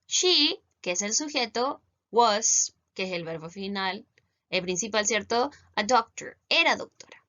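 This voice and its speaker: A woman's voice: sits high, sharp tone, highs cut off. A woman teacher with a Chilean accent, giving a recorded class step by step and often checking that her students follow. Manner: explains step by step, often asks "¿cierto?" to check understanding. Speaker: English teacher.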